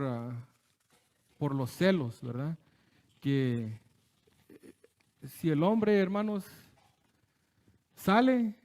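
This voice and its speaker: A man's voice: on the high side, a little mellow. A man preaching an informal sermon, often checking in with "¿verdad?" and mixing in English words. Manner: conversational, keeps asking "¿verdad?", slips into English words; hesitant restarts, chuckles between phrases.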